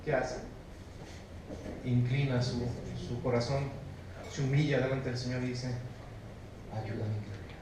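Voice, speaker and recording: A man with a Mexican Spanish accent preaching a sermon as pastor, emphatic, moving between loud exhortation and low, hushed stress while questioning his congregation. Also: little pitch movement, unhurried, pauses often, background noise. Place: church sanctuary. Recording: very echoey church recorded from a distance.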